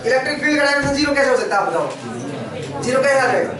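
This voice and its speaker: A male engineering lecturer with a high voice, working through a problem and pressing his students with questions. He is picked up from across a large room, and the classroom echoes heavily around him. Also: lively intonation, rapid-fire, distant mic, crowd noise. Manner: questioning, prompts students constantly. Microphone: camera far from the speaker.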